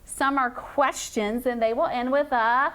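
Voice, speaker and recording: A woman teacher leading a classroom phonics lesson, prompting answers call-and-response style and reading sentences slowly and smoothly as a model. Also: sits high, steady tone, fairly bright tone.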